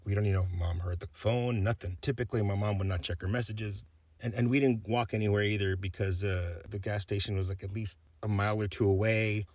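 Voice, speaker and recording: A man's voice: fairly low pitch, no room sound, lo-fi sound. A man from South Texas telling a personal story in a casual, rambling way, full of "like" and "uh". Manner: rambling, heavy on "like" and "uh".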